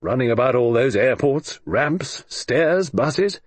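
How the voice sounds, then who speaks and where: A man reading an audiobook, voicing a gruff, blustering old retired admiral who speaks in brusque, clipped grumbles. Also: mid-range voice, lively intonation, takes it slowly, dry recording, pitched above the performer's own voice.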